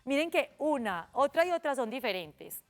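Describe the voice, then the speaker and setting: A woman teacher giving a televised language lesson for children, expressive and acting out little dialogues. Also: high voice, moderate pace. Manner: expressive, acts out little dialogues with lively voices.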